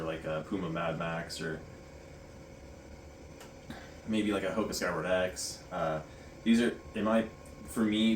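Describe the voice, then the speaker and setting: Male vlogger, deep voice, halting casual review delivery, roomy sound with faint noise. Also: far from the mic. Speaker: running shoe reviewer and vlogger. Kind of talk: casual product review vlog.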